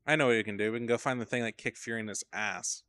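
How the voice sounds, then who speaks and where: A man's voice: lowish voice, steady tone, fast talker, pushed and bright. A man casually commentating his gameplay on a stream, rambling and swearing, getting tired as he plays. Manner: rambling, profane, drowsy asides. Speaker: game streamer.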